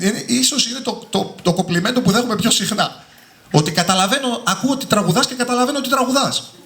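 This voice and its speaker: A man with a slightly high, lively voice speaks with passion and emphasis to an audience, hammering home each point. The room around him is echoey, like a hall with a live crowd. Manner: passionate, emphatic, often ending points with a tag word. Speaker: author and singer presenting his book. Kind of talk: public talk at a book presentation.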